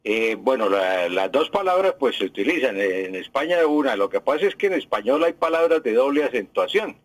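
A Colombian man speaks as a radio language professor, his voice husky and a little breathy. He explains patiently and digresses into historical stories. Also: mid-range voice, big pitch swings, normal speed, dry recording. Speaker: language professor answering listeners. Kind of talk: radio language advice segment.

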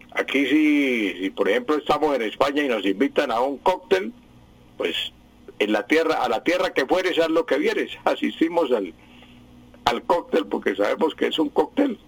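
Man, husky voice, dry studio sound, patient radio language expert, repeats himself, hesitant fillers. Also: mid-range voice, no echo, rough recording. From Colombia. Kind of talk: explaining word usage on a radio program.

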